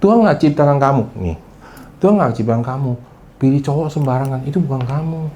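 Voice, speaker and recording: Male pastor, mellow tone, faint background hiss; chatty, teasing sermon that slips into English phrases. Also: medium pitch, lively intonation, fast talker, lo-fi sound. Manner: chatty, teasing, drops English phrases in, keeps addressing the congregation. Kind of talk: casual conversational sermon.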